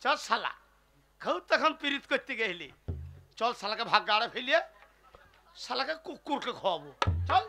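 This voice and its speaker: Bit part for an actor: a coarse, menacing thug with a bright, swooping voice. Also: medium pitch, very animated, normal speed, pauses often, faint music behind. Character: rough village thug dragging a man off. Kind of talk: rural folk stage play.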